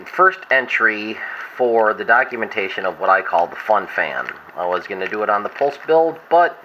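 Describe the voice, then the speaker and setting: A hungover man giving a casual, unscripted show-and-tell as a vlogger, rambling and trailing off mid-thought. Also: low voice. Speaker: hobbyist vlogger. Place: inside a wooden boat. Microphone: camera glasses worn on the head. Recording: dull lo-fi sound with faint noise.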